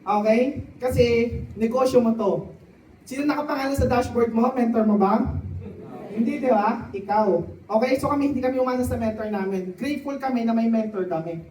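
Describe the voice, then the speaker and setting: A man giving a motivational testimony to a live audience, often turning to the crowd with quick questions. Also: very high-pitched, a little mellow, slight background noise. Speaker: testimonial speaker at a sales event. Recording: echoey hall, voice from a distance.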